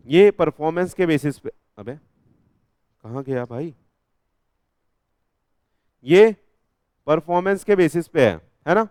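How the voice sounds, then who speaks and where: A man's voice: on the high side, smooth, dry recording, clean studio sound. A young man with an Indian accent teaching a law revision class, constantly quizzing students and joking with them, mixing Hindi with English legal terms. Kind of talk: live classroom revision lecture.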